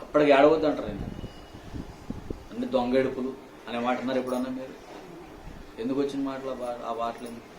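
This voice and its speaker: A pastor preaches a fast, scolding sermon, firing rhetorical questions at his listeners and swinging between loud outbursts and hushed, low phrases. His intonation is fairly even, and he is recorded from a distance in an echoey hall with faint room noise.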